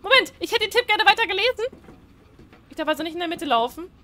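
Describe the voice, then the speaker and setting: A woman's voice: very high voice, lively intonation, fast talker, bright, forceful tone. A woman giving casual let's-play commentary, chatty and jumpy, pleading and squealing when scared. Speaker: gaming streamer.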